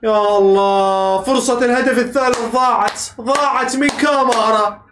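A man giving excitable live match reaction commentary, cheering players on, shouting and repeating phrases. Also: very high-pitched, normal speed, slight background noise. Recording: echoey room.

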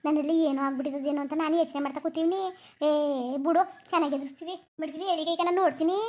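A woman's voice: high voice, fairly even intonation, a little mellow, natural voice. A woman voicing a bossy, talkative village housewife in a cartoon who scolds her friend. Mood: scolding. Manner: scolding, chatty, rapid.

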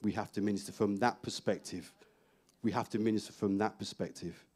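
A man's voice: fairly low pitch, fairly even intonation, fairly quick, darkish tone, husky. A male pastor preaching on a church stage, emphatic and repeating key phrases. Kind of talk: sermon.

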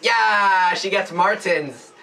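A teenage male host giving casual, excitable commentary in short exclamations during a gaming challenge video. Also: high-pitched, slow, creaky, background noise. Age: teens. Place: small indoor room with cloth backdrop. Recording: distant mic, music behind.

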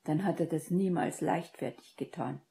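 A woman's voice: low voice, normal speed, warm tone. A woman reading an audiobook and voicing a serious young man who speaks in a firm, commanding way.

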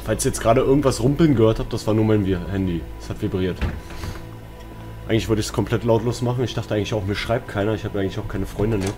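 A German-accented let's player talks fast in a lowish voice, giving casual, jumpy commentary on a horror game. He often mutters to himself and exclaims, with game music and sounds in the background.

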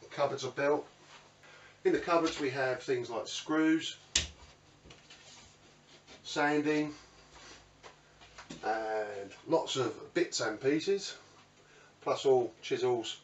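This middle-aged British man hosts a woodworking channel and gives a casual, chatty, unscripted tour of his small, cluttered home workshop. His mid-range voice moves slowly with long pauses, picked up by a camera mic a few metres away, so the sound is roomy and distant with faint background noise.

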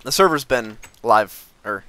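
A man's voice: medium pitch, expressive, a little slow, bright, forceful tone, slight background noise. Rambling young man narrating his gameplay. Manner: rambling, hesitant, many fillers and restarts. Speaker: gaming video host. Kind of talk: casual Minecraft commentary.

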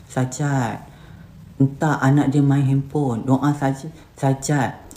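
A woman's voice: a bass voice, level tone, takes it slowly, warm tone, slight background noise. A woman with a Malaysian Malay accent, an influencer hosting a live stream, reading viewer comments and answering bluntly, slipping English words into her speech. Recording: roomy echoey room.

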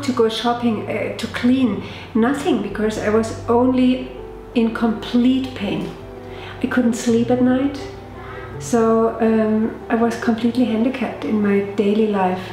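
A woman's voice: a little high, a little mellow. Middle-aged woman in a very echoey room. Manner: earnest, searching for words. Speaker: patient giving a testimonial. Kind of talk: interview testimonial. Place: small clinic room indoors.

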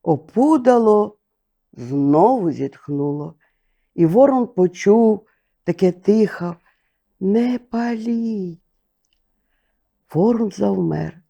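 An older woman reading a fairy tale aloud as a bedtime storyteller, slow, gentle and expressive. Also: medium pitch, gravelly, muffled recording.

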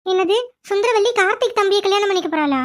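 A woman's voice: very high-pitched, fast talker, pitched above the performer's own voice. A woman voicing a put-upon young wife in a cartoon, whiny and grumbling about her mother-in-law. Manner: whiny, grumbling under breath. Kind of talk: cartoon voice acting.

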